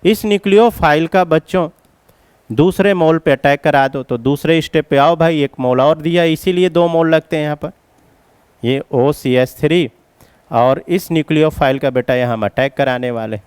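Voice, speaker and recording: A man's voice: on the high side, moderate pace, darkish tone, clear, resonant tone, no echo. A man teaching chemistry as a classroom lecture, explaining each step and calling his students children.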